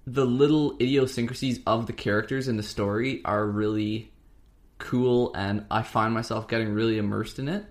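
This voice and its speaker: A young man co-hosting a podcast, chatting casually and rambling a bit. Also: mid-range voice. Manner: rambling, fake-ad delivery at times. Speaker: podcast co-host. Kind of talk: casual chat.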